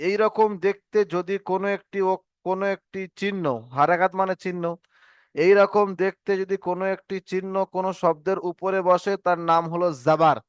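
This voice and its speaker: A man's voice: sits high, smooth, no room sound, studio quality. A man teaching Arabic reading marks to students, patiently repeating drills and checking that everyone follows. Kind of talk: online Arabic letter lesson.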